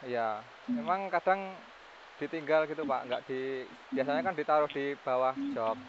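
A man's voice: fairly high pitch, measured pace. Hesitant man over a muffled phone line. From Central Java, Indonesia. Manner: over the phone, hesitant, brief answers, murmured acknowledgements. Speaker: call recipient playing along with a scammer. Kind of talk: casual phone conversation. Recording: hissy, muffled telephone line.

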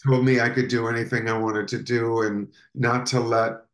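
A man's voice: mid-range voice, level tone, normal speed, fairly bright tone, roomy sound. A man, a guest in a casual interview, tells personal stories with many fillers and restarts.

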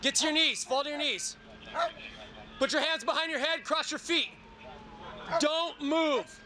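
A man working as a sheriff's deputy, shouting firm, clipped commands over a police car loudspeaker with a siren. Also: extremely high pitch, measured pace, background noise. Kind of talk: shouting commands at a felony traffic stop.

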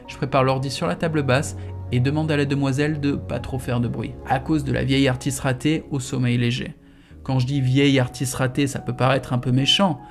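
A man's voice: mid-range voice, a little mellow. Man reading a casual first-person novel. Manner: casual slangy storytelling. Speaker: audiobook reader.

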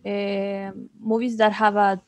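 A woman's voice: mid-range voice, flat delivery, slow pace, no echo. Giggly woman. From Chile. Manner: playful and giggly. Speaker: game developer. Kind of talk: casual live-stream chat.

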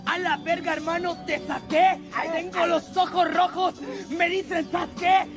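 A man's voice: very high voice, level tone, measured pace, music in the background. A young Mexican man rapping a cocky, chanted flow in an outdoor battle. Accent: Mexican Spanish. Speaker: battle rapper. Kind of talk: freestyle rap battle. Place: outdoor park at night before a crowd. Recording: loud crowd and beat at an outdoor battle.

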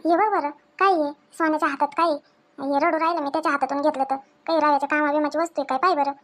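A middle-aged woman playing a demanding, quick-tempered mother-in-law in a home drama. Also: high-pitched, steady tone.

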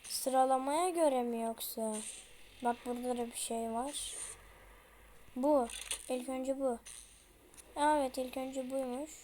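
Young woman, high voice, unhurried casual game commentary, faint background noise, panicky shouts. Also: fairly even intonation. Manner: chatty, slangy, panicky outbursts pleading with the game. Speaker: gameplay streamer.

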